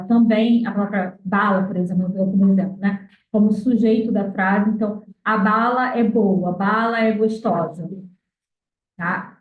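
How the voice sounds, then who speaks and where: A Brazilian woman explaining how she taught her son to read, patient and explanatory with frequent fillers. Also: on the high side. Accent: Brazilian Portuguese. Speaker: mother teaching her child to read. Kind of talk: explanatory talk on literacy. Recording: echoey, distant, phone-like audio.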